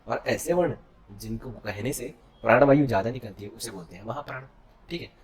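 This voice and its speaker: A man's voice: medium pitch, lively intonation, brisk, darkish tone. A male teacher giving an exam-prep lesson. He asks questions and answers them himself, checking in with the class after nearly every point. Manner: drills with self-answered questions and constant "okay?" checks.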